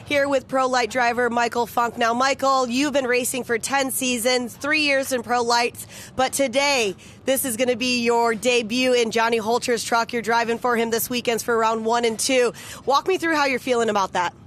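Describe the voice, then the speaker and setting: A woman's voice: fairly high pitch, steady tone, moderate pace, a bit bright, slight background noise. A woman interviewing a driver at the track as pit reporter, upbeat and friendly.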